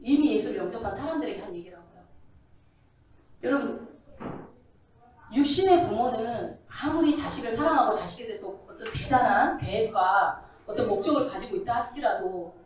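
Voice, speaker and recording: Woman pastor, high lively voice, echoey church, distant mic. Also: moderate pace, slight background noise. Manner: animated preaching, asks the congregation questions. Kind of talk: sermon. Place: church sanctuary.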